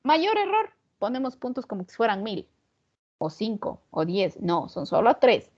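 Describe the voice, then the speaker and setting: A woman's voice: a little high, huge pitch swings, unhurried, a little mellow, slight background noise. A woman teaching an online class on punctuation, often checking in with rhetorical questions to her students. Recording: muffled lo-fi online class audio.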